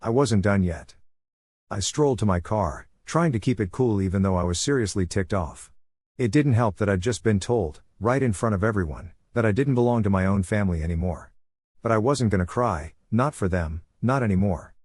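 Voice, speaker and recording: A man narrating a first-person story in a steady, even way with dry asides. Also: lowish voice, moderate pace, husky, no echo.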